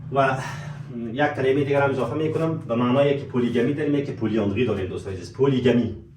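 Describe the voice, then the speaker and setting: A man teaching vocabulary, repeating words slowly and calling his students dear friends, in an echoey room away from the mic. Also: medium pitch, darkish tone, far from the mic. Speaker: language teacher.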